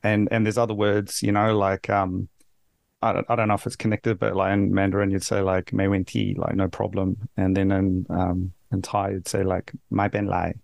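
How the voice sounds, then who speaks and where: A man's voice: sits low, little pitch movement, moderate pace, creaky, darkish tone, no room sound, clean studio sound. A man from New Zealand hosting a podcast interview, chatting casually and rambling with frequent restarts. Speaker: podcast host.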